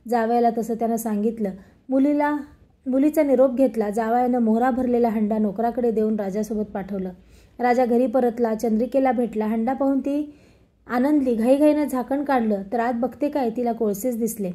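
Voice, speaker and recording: A woman narrating a devotional story in a measured, steady storytelling manner. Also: fairly high pitch.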